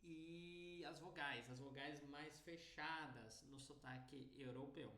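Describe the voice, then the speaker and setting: A man from Brazil with a Brazilian Portuguese accent, a teacher explaining pronunciation slowly and deliberately in a lesson podcast. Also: a little high, pushed and bright, reverberant.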